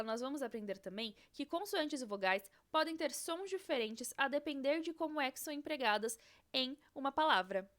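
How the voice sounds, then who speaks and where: A woman whose first language is Portuguese, teaching an online English lesson slowly and carefully, in a friendly way. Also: high-pitched, a bit bright.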